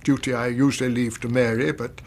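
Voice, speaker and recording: Lightly acted and mid-range with little pitch movement, this voice belongs to an actor in a BBC radio drama portraying a worried, upright elderly British banker who is also a tired father. He speaks formally and with measured distress while recounting troubles, over a little hiss or hum.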